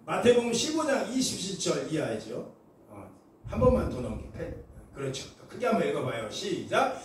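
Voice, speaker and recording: Male pastor, sermon, animated storyteller, high lively voice, echoey church hall, distant mic. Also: normal speed. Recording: echoey hall from far off, faint noise.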